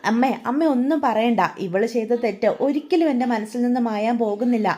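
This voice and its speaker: A bitter, stubborn mother, played by a woman storyteller scolds in a harsh, unforgiving way. The voice sits a little high with a soft, mellow tone, all in a spoken storybook retelling. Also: a little fast, lightly acted. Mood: angry, bitter.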